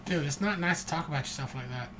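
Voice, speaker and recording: A man hosting a casual podcast chat, talking low and very close to the microphone. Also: fast, pushed and bright. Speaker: podcast host. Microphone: close to the mic.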